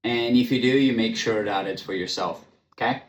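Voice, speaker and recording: His voice is fairly low and his pace moderate as he talks frankly through a solo podcast, recorded on camera in a room with echo and faint ambience. A non-native English speaker, he's blunt, stumbles with stutters, restarts and ums, and swears casually now and then.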